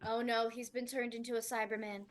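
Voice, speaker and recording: A woman's voice: a little high, level tone, brisk, a loud crowd. Eager woman playing a tabletop game. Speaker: player. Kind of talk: casual chat at a tabletop game.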